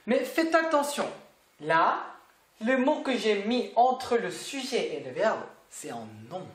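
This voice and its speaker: A language teacher walks through a lesson slowly and patiently, repeating each word and asking the learner questions back. The pitch rises and falls a lot as they explain. The voice sounds roomy, with a clear echo. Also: sing-song.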